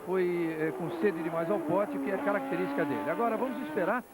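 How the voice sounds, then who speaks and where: A Brazilian man giving live motorsport TV analysis in halting, short, repeated phrases. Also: sits high, heavy background noise. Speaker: motorsport commentator. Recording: loud engine drone, old TV broadcast. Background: loud buzzing racing car engines.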